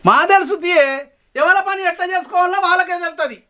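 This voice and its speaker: A middle-aged man with a Telangana Telugu accent, acting as a tired village husband who tries to calm his quarrelling wife. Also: very high-pitched, fast. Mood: exasperated. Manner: placating, exasperated. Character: weary, peace-keeping village husband and farmer. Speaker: village father-in-law. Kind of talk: village short-film acting. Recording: background music under dialogue. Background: film music.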